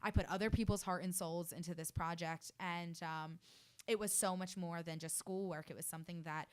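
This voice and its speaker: Give me an earnest young woman in her twenties as a radio guest, clear and a bit low. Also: fairly even intonation, moderate pace. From New Jersey, US. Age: early 20s. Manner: earnest, effusive, many fillers. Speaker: interview guest, fashion design student. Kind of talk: radio interview storytelling. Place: radio studio.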